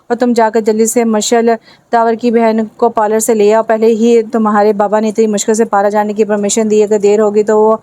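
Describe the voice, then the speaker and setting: A woman's voice: a little high, monotone, mellow, no echo, close to an everyday voice. A woman reading as an anxious, worried mother. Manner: anxious, instructing her son. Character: caring mother of a landowning family.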